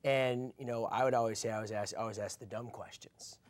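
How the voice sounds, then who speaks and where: A man's voice: medium pitch, a little fast. Man speaking as a studio guest. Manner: relaxed, thoughtful, many fillers. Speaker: guest, co-founder. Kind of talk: studio interview.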